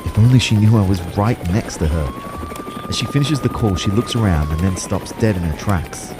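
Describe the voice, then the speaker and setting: A young man's fairly low voice comes at a moderate pace, lightly acted, over a noisy background. He plays the anxious narrator in an audio drama about his out-of-body ordeal, using first-person narration and acted dialogue. His expressive, tense, reflective delivery moves from hushed to urgently pleading.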